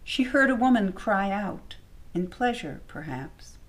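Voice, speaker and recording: A woman reading her own short story aloud at home, in a measured storytelling manner. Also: mid-range voice, animated.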